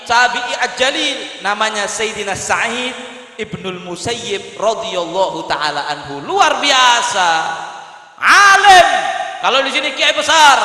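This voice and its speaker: A man delivers a sermon in a very high, piercing voice that rings bright and sharp. He is emphatic and humorous, and he breaks into shouts. The voice carries through a hall with a long, echoing reverb. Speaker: preacher.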